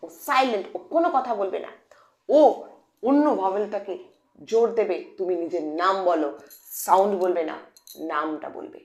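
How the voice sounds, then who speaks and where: A woman with a Bengali accent teaches phonics to children. She speaks with a slightly gravelly edge in an echoey room, patiently repeating each point and asking her pupils questions. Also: medium pitch, normal speed, long pauses. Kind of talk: explanatory lesson for children.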